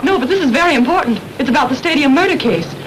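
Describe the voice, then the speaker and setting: A plucky young amateur sleuth in a 1930s radio play, brisk and bossy as she takes charge. Her voice sits a little high. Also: lively intonation, slight background noise, low-quality recording.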